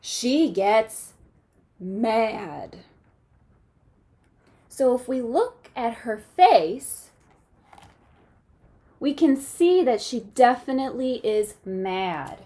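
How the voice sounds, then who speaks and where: Reading a picture book to a group of kids, a female teacher keeps it animated, pausing for questions to check their understanding. Her pitch is fairly high and her tone dark and expressive.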